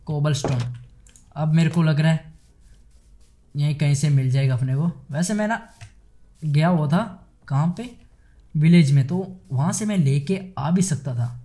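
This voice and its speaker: Excitable young man narrating his gameplay. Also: a little high, measured pace, long pauses. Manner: chatty, excitable, addresses viewers as guys and bhai sahab. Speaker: gaming YouTuber. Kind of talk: casual Minecraft let's play commentary.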